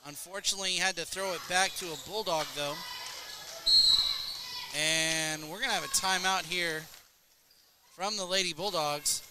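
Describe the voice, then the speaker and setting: A man doing play-by-play for a high school basketball game in a gym, with brisk calls and dry joking asides. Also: steady tone. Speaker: play-by-play announcer. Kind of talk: play-by-play commentary. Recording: noisy gym broadcast. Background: gym crowd and bouncing balls.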